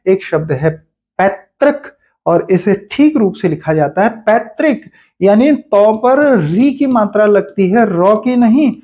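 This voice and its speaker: Higher-voiced Hindi teacher explaining spelling. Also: male voice, lively intonation, warm tone. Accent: Uttarakhand Hindi. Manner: explanatory, repeats words slowly to contrast spellings. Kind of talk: exam-prep spelling lesson.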